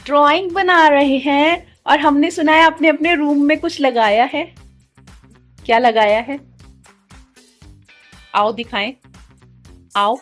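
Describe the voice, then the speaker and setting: A woman's voice: sits high, takes it slowly, long pauses, soft background music. A mother filming a home vlog, coaxing and scolding her small children with playful threats and chatting to the camera. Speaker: mother vlogging her day with three young children. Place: at home, indoors.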